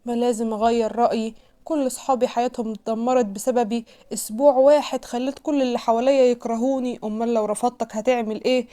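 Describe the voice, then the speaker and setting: A woman's voice: a little high, steady tone, fast, mellow, natural voice. A woman voicing a frightened, pleading young girl. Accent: Egyptian Arabic. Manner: pleading, timid.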